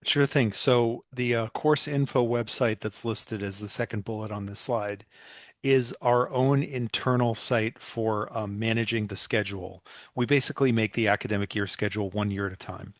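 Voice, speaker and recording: Male advisor, slightly low voice, plain explanatory tone, dry recording. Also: fairly even intonation, normal speed, dry recording. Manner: plain explanatory, some fillers. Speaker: computer science major advisor. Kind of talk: online info session explanation.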